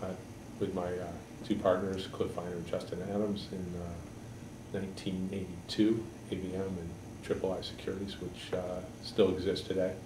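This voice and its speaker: A man in his sixties from Connecticut, a political candidate giving halting, measured answers in an editorial board interview. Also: sits low, flat delivery. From Connecticut, USA. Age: 60s. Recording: echoey room, mic far off, background noise.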